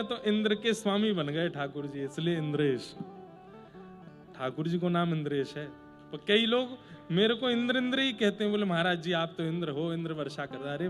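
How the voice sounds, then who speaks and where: Man, high voice, humorous devotional storyteller, faint music behind. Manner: humorous, animated, with playful asides. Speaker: religious storyteller.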